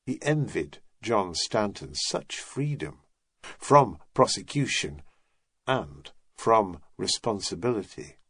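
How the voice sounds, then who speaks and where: A man narrating an audiobook in a measured, even reading. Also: fairly low pitch, slightly rough, dry recording, clean studio sound. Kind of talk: scripted narration.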